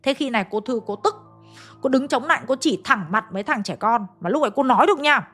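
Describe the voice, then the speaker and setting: A woman's voice: high-pitched, expressive, fast, a bit bright, faint music behind. A woman narrating a ghost story, chatting directly to her listeners.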